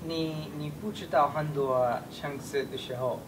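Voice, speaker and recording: A man's voice: steady tone, measured pace. A man in his twenties, a foreigner speaking simple non-native Mandarin with a foreign accent, hesitant and in broken phrases. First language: not Mandarin. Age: 20s. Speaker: learner of Chinese. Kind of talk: casual conversation in simple Mandarin. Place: small indoor room, seated on a sofa. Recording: distant mic, noisy rumbling room.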